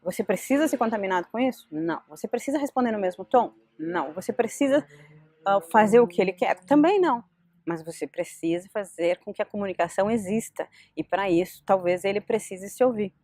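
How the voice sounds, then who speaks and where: Lively woman giving advice, dry close sound. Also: medium pitch, fairly quick, dry recording. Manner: lively, animated storytelling with quoted dialogue. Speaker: vlogger. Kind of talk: casual advice vlog.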